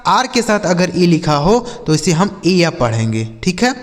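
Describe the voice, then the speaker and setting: A man's voice: high voice, very animated, a little slow, big-room sound. A man teaching English pronunciation in Hindi, patiently going step by step and asking himself questions that he then answers. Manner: repeats rhetorical questions and answers them himself; addresses viewers as friends, patient step-by-step explaining. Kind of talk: Hindi-language pronunciation lesson.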